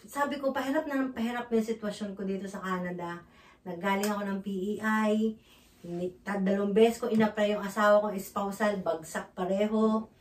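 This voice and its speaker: A woman sharing a heartfelt church testimony in casual chat, emotional and halting, with many restarts and frequent laughter. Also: medium pitch. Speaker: church member giving testimony. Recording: echoey room from far off.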